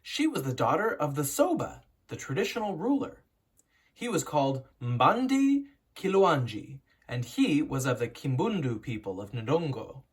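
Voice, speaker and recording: A teacher reads a children's picture book aloud in a noticeably husky, unpolished voice. Her pitch moves about in a lively way, and she uses dramatic, deliberate pauses.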